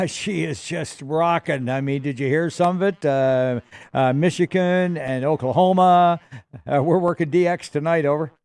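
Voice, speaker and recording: A man's voice: a little high, moderate pace, darkish tone, clear, resonant tone, dry recording. A man acting as amateur radio net controller, chatty and hesitant as he mixes small talk with call-sign procedure. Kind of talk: informal radio net check-ins. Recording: faint static and radio clicks.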